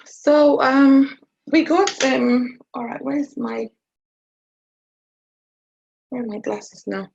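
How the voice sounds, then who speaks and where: A woman's voice: sits high, drawn-out words, vocal fry, pauses often, a little mellow, lo-fi sound, a little hiss or hum. A woman maths teacher giving an online lesson, talking hesitantly and often checking in with her students.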